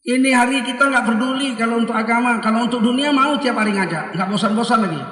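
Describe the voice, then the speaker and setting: Lively preacher man in an echoey hall. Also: extremely high pitch, fast, far from the mic. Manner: animated, acts out dialogues. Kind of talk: sermon.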